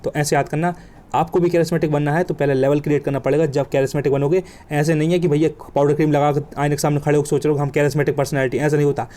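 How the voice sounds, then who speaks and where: Fast-talking vocabulary teacher, man. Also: a little high, little pitch movement, dark tone. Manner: colloquial, joking, emphatic with vivid examples. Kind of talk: exam coaching lesson.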